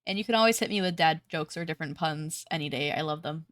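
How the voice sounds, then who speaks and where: A woman streamer chatting casually on a live stream, her voice stuffy and congested, relaxed and rambling with many fillers. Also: sits low, quick pace, no echo, clean studio sound.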